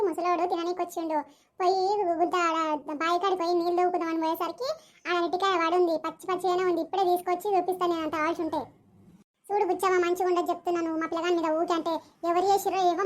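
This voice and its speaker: A woman playing a quarrelsome old village woman with a Telangana Telugu accent, scolding in a rapid-fire bickering comedy sketch. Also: very high-pitched, little pitch movement. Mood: accusing.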